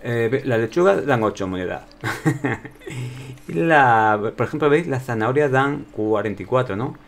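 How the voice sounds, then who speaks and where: A man's voice: mid-range voice, animated, moderate pace, gravelly. A man with a Spain Spanish accent chatting casually to himself and his viewers while playing a video game. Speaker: gameplay commentator. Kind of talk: casual gameplay commentary.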